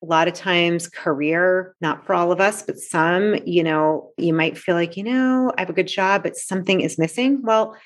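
A woman's voice: fairly low pitch, normal speed, hardly any pauses. A woman in her forties, a coach, talking earnestly and reflectively in a casual interview, with many fillers. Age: 40s. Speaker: coach and author.

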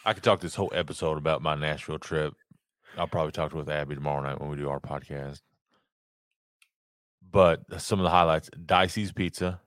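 A man's voice: rumbling low, steady tone, a little fast, fairly bright tone, clear, resonant tone, dry recording. A man chatting casually as co-host of a podcast. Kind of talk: casual chat.

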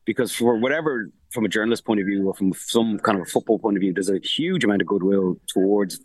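Fast-talking sports reporter, deep voice. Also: male voice, slightly rough, dry recording, poor audio. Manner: rapid, animated, full of restarts and fillers. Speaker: sports journalist reporting from the tournament. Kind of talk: casual podcast analysis. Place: remote link from abroad.

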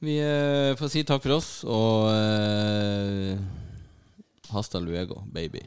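A man's voice: on the low side, steady tone, darkish tone, smooth. A man co-hosting a podcast in casual, joking chat with friends, bantering crudely and swearing freely. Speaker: podcast co-host.

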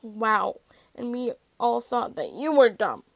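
A quiet young man behind the wheel speaks with dry sarcasm, as a woman reads him. His voice has a gravelly edge. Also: high-pitched, flat delivery, fast talker, no room sound.

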